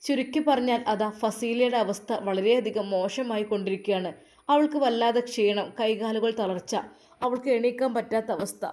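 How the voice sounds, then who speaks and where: Brief: woman storyteller, Malappuram Malayalam accent, fairly high voice, dramatic emphatic narration. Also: normal speed, a little mellow.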